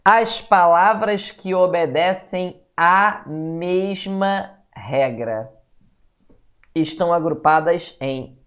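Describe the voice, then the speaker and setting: This man speaks extremely slowly in a high-pitched, somewhat bright voice with a Brazilian Portuguese accent. He is teaching a live online grammar lesson for exam prep, chatting a lot, greeting viewers by name, and checking in with "beleza?"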